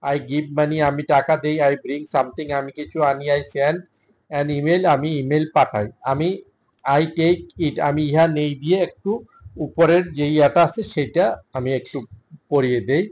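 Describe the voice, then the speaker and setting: A man with a Bengali accent teaching an English lesson, reading each drill sentence in English and then in Bengali, steady and measured. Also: fairly high pitch.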